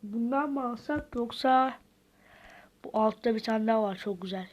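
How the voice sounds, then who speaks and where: A woman's voice: a little high, moderate pace, darkish tone, highs cut off. A woman giving casual gameplay commentary, talking to viewers and muttering reactions as she plays. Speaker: gaming video host.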